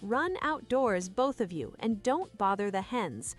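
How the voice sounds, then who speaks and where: A woman reading as a brisk, no-nonsense farm aunt in a storybook, commanding in manner. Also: mid-range voice, big pitch swings, soft background music. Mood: brisk, firm.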